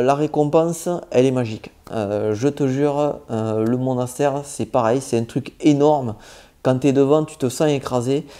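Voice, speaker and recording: A travel vlogger from southwest France, speaking with that region's accent, offers casual travel tips directly to the viewer. His voice is medium-pitched and warm, and he hesitates a lot as he goes.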